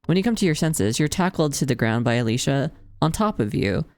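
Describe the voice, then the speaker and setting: A woman's voice: low-pitched, very animated, a little fast, a little mellow, dry recording, soft background music. A woman game streamer reading visual novel narration aloud and adding casual commentary.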